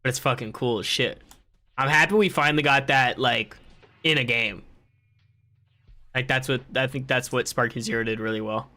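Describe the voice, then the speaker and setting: A man's voice: medium pitch, fairly even intonation, moderate pace, pauses often, sharp tone, faint music behind. A young man hosting a gaming podcast, ranting in casual chat and swearing freely. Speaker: podcast host.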